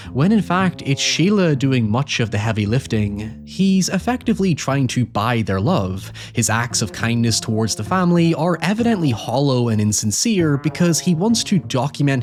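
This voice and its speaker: A man's voice: medium pitch, darkish tone. A man narrates a scripted video essay as its host, speaking in an articulate, analytical way with the occasional wry aside. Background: background music with guitar.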